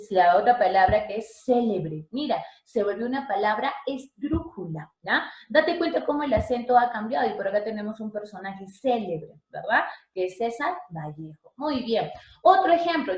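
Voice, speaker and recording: A woman's voice: a little high, a little mellow. Chatty woman teaching, roomy echo. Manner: chatty, checks in with students often. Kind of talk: online language lesson.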